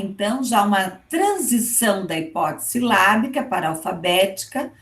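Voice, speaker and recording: A woman's voice: fairly low pitch, fairly bright tone, roomy sound. A woman teaching an online class, explaining step by step and checking in with her students often.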